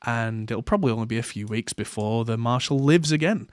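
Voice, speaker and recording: A man's voice: mid-range voice, a little fast, no room sound. A man hosting a podcast, talking casually in a rambling way with plenty of fillers and restarts. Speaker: podcast host. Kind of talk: casual chat.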